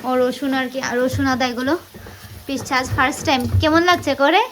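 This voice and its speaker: A high-voiced woman with a Bengali accent talks fast through a casual cooking vlog. Her running commentary is chatty and teasing, recorded on a phone at home with faint frying sounds behind. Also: steady tone, noisy background. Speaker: vlogger. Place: home kitchen and outdoor yard.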